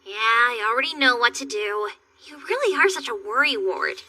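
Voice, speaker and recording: A woman voicing a cheerful, caring young farm girl in an anime English dub, fussing and gently teasing. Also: fairly high pitch, lively intonation, moderate pace, exaggerated voice.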